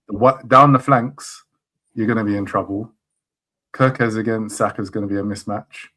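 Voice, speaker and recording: A man's voice: lowish voice, fairly bright tone. A man on a casual football podcast, talking in confident, teasing banter. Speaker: podcast panelist.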